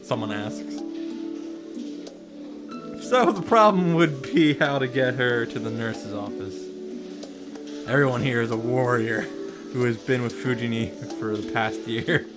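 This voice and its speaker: In a medium-pitched voice at a measured pace, broken by long pauses, a gaming YouTuber recaps a visual novel. His commentary features sarcastic, sweary, exclamatory asides, with music playing behind the voice.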